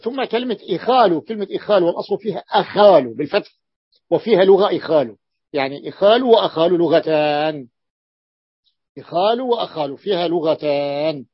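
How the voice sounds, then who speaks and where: A man from the Levant with a Levantine Arabic accent, a sheikh giving a classroom lecture and repeating words slowly to stress them. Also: sits high, animated, slightly rough, no room sound. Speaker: sheikh teaching grammar. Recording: dull lo-fi recording.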